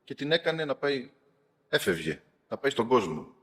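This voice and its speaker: A man, a priest, retelling stories of elders in an animated sermon, swinging between loud and soft. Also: medium pitch, husky. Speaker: priest giving talks. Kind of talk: sermon-like storytelling talk. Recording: long hall reverb.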